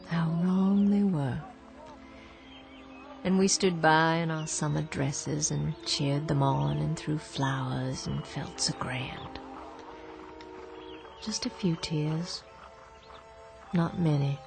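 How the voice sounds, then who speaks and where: In a radio drama with music behind it, a woman voices a grieving Southern woman waiting for her husband, feverish and weak, wistful and fragile, often sinking into whispers. Her low, creaky voice is exaggerated, slow and fairly even in intonation, with frequent pauses.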